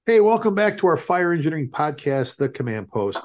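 A man's voice: a little high, big pitch swings, a little fast, a little hiss or hum. A man hosting a podcast in casual, rambling chat, often repeating words as he goes. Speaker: podcast host.

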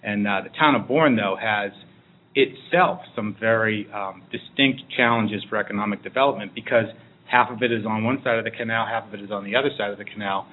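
A man explaining things as an interview guest in a measured way. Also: fairly low pitch. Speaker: interview guest, regional planning director. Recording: narrow muffled phone-like sound with faint noise.

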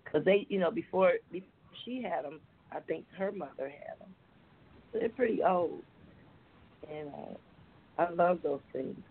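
A woman's voice: lowish voice, unhurried, gravelly, long pauses, a little hiss or hum. A woman calling in to a radio show over a phone line, rambling and hesitant with many fillers. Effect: caller heard over a phone line.

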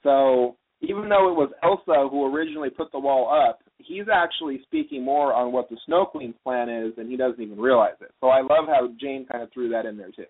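A podcast host with a medium-pitched voice talks fairly quickly with hardly any pauses, recapping the story and steering a casual discussion along. The audio is narrow and phone-like.

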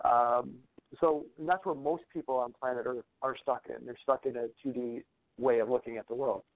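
A man in a relaxed interview, talking at an everyday middle pitch. He rambles and repeats himself and drops in a swear now and then. His voice comes over a thin, phone-like line. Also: normal speed. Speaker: guest, natural medicine practitioner. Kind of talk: conversational interview talk.

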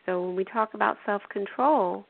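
A woman hosts a spiritual self-help radio talk, coaching her listeners gently and often tossing in "you know" and "right". Her voice has a gravelly, fry-tinged edge. It comes through thin and tinny, as over a phone line. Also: medium pitch, normal speed, no echo. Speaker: radio show host and intuitive.

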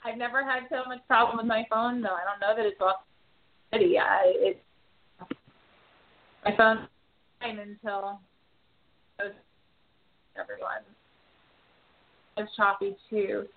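A woman hosting a live call-in radio show, her phone connection breaking in and out so her phrases come through halting and broken. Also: a little high, little pitch movement. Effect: choppy phone connection cutting in and out. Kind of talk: casual live call-in chat. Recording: tinny phone line.

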